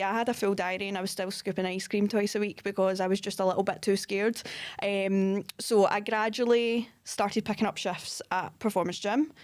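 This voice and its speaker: A woman's voice: medium pitch, a little mellow. A woman in her twenties co-hosting a podcast, telling her story in a chatty way with frequent ums. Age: 20s. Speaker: podcast co-host, fitness coach. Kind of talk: casual chat.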